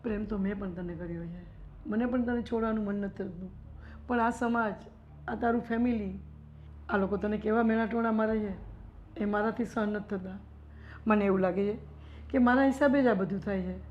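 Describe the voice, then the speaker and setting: A woman acting as a wife who gently offers to leave home so her husband is spared gossip. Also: medium pitch, normal speed, close to an everyday voice. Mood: gentle. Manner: soft, self-blaming, gentle. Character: older wife who feels she burdens her young husband. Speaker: wife in a family drama. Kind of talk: Gujarati short-film acting. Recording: dull lo-fi sound with faint noise.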